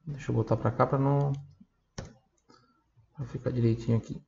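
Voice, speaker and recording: A man teaching Italian pronunciation, patiently explaining and slowly repeating phrases for learners to echo. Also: medium pitch, flat delivery, creaky, a little mellow, highs cut off, slight background noise. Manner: slow, drilling repetition of phrases. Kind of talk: online language lesson.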